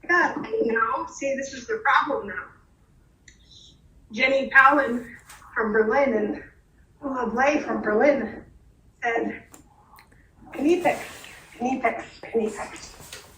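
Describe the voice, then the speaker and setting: Wry woman, slow and distant. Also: fairly high pitch, pushed and bright, a little hiss or hum. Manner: wry and joking. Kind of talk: casual conversation. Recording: distant, roomy echo.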